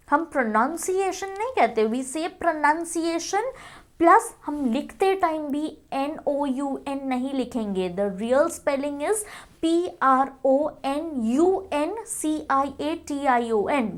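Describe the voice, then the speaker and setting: A woman teaching English spelling in a mix of Hindi and English, spelling words letter by letter and often saying "okay". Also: high-pitched. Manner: addresses viewers as friends, frequent "okay".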